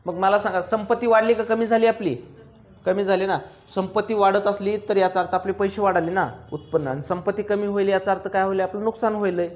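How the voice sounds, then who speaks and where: A male commerce teacher, lecturing a class and drilling students with quick questions and teasing remarks. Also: sits high, fairly even intonation, a little mellow, lo-fi sound.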